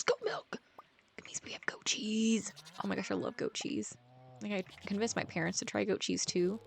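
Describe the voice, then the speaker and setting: A chatty woman talks her way through a relaxed gameplay session, her voice carrying a gravelly, fry-tinged edge. She wanders from topic to topic, fills her sentences with "like," and now and then sinks to a near-whisper. Her pitch sits right in the middle of a woman's range. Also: a little hiss or hum. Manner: rambling, chatty, heavy use of "like". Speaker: author playing a farming game. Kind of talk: casual gameplay chat.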